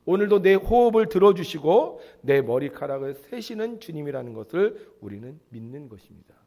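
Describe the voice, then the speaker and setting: A male pastor preaching a sermon in an animated storytelling way, often acting out the voices of people in the story. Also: a little high, vocal fry.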